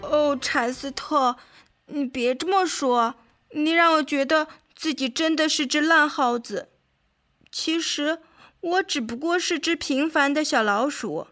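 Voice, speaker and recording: A woman's voice: high-pitched, expressive, normal speed, fairly bright tone, dry recording, studio quality, faint music behind. A woman voicing a fretful, loyal male mouse who pleads and whispers in a storybook reading. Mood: tearful.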